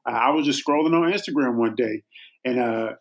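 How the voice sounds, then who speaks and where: A man guesting on a podcast, telling a story in a relaxed, humorous way. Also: medium pitch, a little fast. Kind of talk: casual storytelling in an interview.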